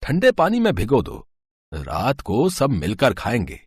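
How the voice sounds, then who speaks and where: Cartoon story: relaxed older husband, played by a man, low and lively. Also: a little slow, slightly rough, no room sound, clean studio sound, full character voice. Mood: easygoing. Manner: calm, relaxed coaxing. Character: older husband, easygoing and generous.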